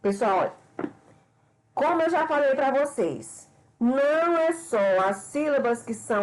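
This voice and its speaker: A woman's voice: a little high, a little mellow, poor audio. A woman teacher from Brazil giving a remote grammar lesson, explaining patiently and speaking to her students directly. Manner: slow, explanatory, addresses students as "pessoal".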